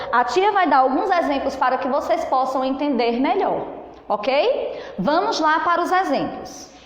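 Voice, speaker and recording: A Brazilian woman teaching a children's lesson on punctuation, speaking slowly and in a singsong way for young pupils. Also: high voice. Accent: Brazilian Portuguese. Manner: slow and singsong, stretching words for young pupils. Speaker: primary school teacher. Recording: echoey room with long reverb.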